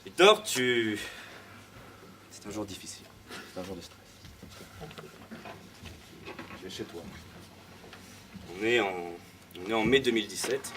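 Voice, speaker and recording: Young man, hushed mock-solemn oratory. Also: fairly low pitch, moderate pace, pauses often. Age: young adult. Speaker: student debater. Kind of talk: comic oratory speech. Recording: noisy room, mic far off.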